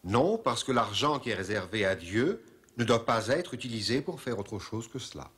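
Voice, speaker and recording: An actor playing a stern, defensive Pharisee who insists on the law in a dubbed historical drama. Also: male voice, normal speed, close to an everyday voice. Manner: insistent, lively pitch. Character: stern male Pharisee, middle-aged, defensive. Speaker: interviewee.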